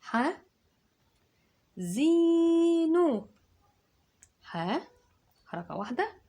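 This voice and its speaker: A woman's voice: medium pitch, sing-song, normal speed, darkish tone, slightly rough. A woman with an Egyptian Arabic accent giving a children's dictation lesson, stretching out each syllable as she dictates. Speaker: teacher.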